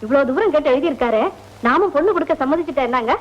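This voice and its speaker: An actress playing a lively young daughter who coaxes and pleads with her father. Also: high voice, racing, muffled recording. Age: young adult. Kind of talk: classic film dialogue.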